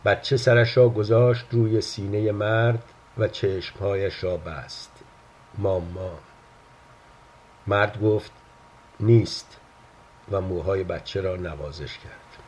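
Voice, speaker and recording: A man reading a literary story aloud in a calm, measured, quiet way. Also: lowish voice, slight background noise. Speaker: narrator. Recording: dull lo-fi recording.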